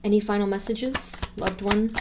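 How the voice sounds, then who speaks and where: A woman's voice: medium pitch, fairly even intonation, normal speed, noisy background. A woman giving a pick-a-card tarot reading, earnest and emotional, often exclaiming in wonder as she talks through the cards. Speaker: tarot reader.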